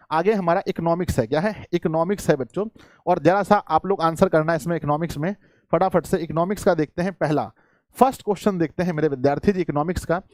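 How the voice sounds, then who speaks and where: A man teaches a live online exam-prep class, urging his students along and repeating key answers. His voice sits fairly high for a man. The sound is close and dry, with no room around it. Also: darkish tone, no echo. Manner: coaxing, repetitive, addresses students as children.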